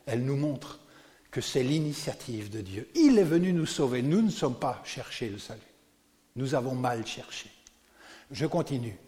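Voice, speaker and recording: A man preaching a sermon to a congregation, animated and often putting questions to his listeners. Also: medium pitch, moderate pace, big-room sound. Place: church.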